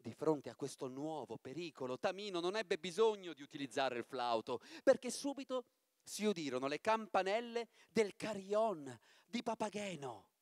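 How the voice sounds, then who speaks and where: A man, an actor, giving a dramatic, expressive reading of a fairy tale in a church. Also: sits high, moderate pace, no echo, studio quality.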